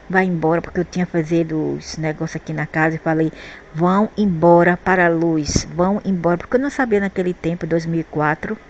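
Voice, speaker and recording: Her voice low, this Brazilian spiritual vlogger rambles through a personal tale of spirits and the afterlife, repeating words as she gropes for them. The sound is lo-fi with some faint background noise.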